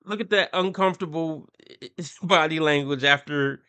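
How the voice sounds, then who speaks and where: A man's voice: on the high side, moderate pace, sharp tone, clean tone. A man hosting a reaction commentary, talking with a mocking tone, often laughing and putting on voices to quote people. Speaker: commentary channel host.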